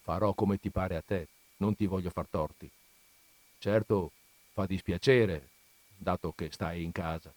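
A man voicing a weary sailor husband back home after years, speaking slowly and resigned in a story reading. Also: sits low, steady tone, darkish tone, dry recording.

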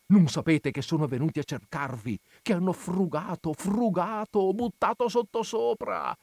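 A frightened old village priest, voiced by a man whose voice shoots up high with worry. He frets and pleads in anxious bursts, the storybook reading dry and close to the mic. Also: very animated, normal speed, vocal fry, a little mellow, no echo, full character voice. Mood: pleading. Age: older. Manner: anxious, rising to shrill alarm.

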